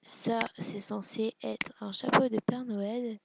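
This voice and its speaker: A woman's voice: on the high side, steady tone, slow, creaky, heavy background noise. A woman giving casual gameplay commentary, hesitant and self-deprecating, musing aloud with lots of fillers. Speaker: let's play gamer.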